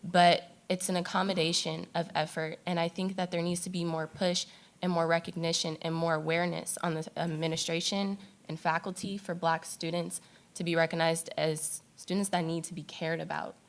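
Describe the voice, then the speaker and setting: A woman's voice: on the low side, level tone, normal speed. A young woman, a student on a panel, speaking earnestly and firmly from personal experience. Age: young adult. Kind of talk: panel discussion.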